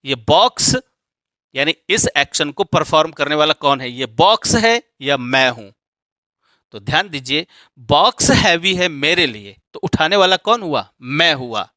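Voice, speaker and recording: A man explains English grammar to students step by step, often stopping to ask whether they follow. His voice sits high and sounds bright and forceful. The sound is dry and close. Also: expressive, measured pace, no room sound. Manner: explains step by step with frequent check questions.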